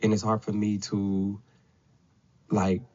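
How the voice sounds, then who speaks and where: A man's voice: fairly low pitch, monotone, slow pace, warm tone. A man in his thirties, a podcast guest, talking casually and loosely with lots of filler phrases. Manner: loose and rambling, with frequent "you know what I'm saying". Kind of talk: casual conversation. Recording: dull lo-fi sound.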